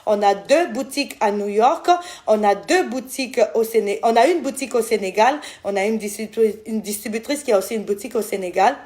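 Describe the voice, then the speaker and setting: A woman's voice: mid-range voice, fairly quick, darkish tone. A woman with an Ivorian French accent, chatting casually with viewers in a live Q&A. She speaks affectionately to her audience and often loses track and corrects herself. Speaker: skincare brand owner answering viewers.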